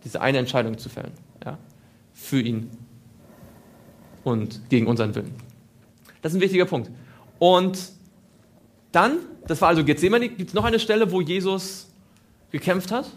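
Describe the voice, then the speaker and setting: A man's voice: a little high, expressive, moderate pace, long pauses, slight background noise. A man preaching a sermon, asking his listeners questions and repeating phrases for emphasis.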